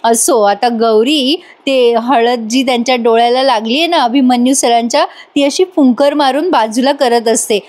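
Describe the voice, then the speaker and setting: Woman reviewer, high-pitched, chatty, laughs often, addresses viewers. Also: normal speed, few pauses, a little mellow. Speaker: TV serial reviewer. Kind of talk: casual voice-over recap.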